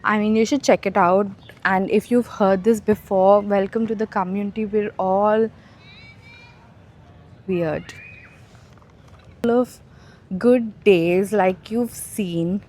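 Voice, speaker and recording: A woman's voice: medium pitch, slow, long pauses. Chatty young woman with an Indian accent. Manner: chatty, self-mocking, animated storytelling. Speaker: vlogger. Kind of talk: casual vlog storytime.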